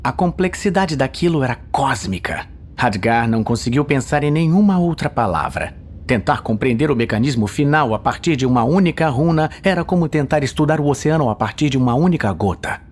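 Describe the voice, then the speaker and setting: Telling a scripted fantasy tale in dramatic fashion, a man with a Brazilian accent speaks with an animated, fairly quick delivery at medium pitch. Music and sound effects play beneath his voice as a soundtrack.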